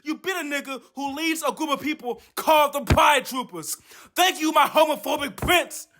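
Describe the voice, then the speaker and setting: A man's voice: extremely high pitch, normal speed, background noise. A man doing a comedic anime commentary rant, exasperated, profane and mocking. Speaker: video essayist.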